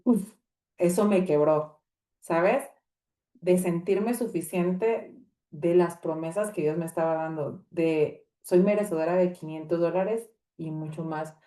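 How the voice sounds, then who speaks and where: A woman's voice: lowish voice, distant mic. Woman telling a roomy testimony. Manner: animated storytelling, acting out dialogue, frequent fillers. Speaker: women's ministry speaker. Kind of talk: personal faith testimony. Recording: roomy echo.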